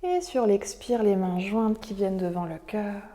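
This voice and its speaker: A woman leading a guided breathing meditation in a soft, breathy, near-whispered voice, with soothing, measured instructions. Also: mid-range voice. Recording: long hall-like reverb.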